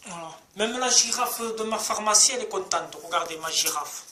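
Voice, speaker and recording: A man rambles crudely to his viewers, circling back to the same complaints again and again. His voice is bright and pushed forward. The recording is roomy and echoing. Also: sits high, a little fast, a little hiss or hum. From France. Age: 30s. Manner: rambling, crude, repeats himself. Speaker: vlogger. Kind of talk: casual rant to camera. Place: outdoors in sunny street.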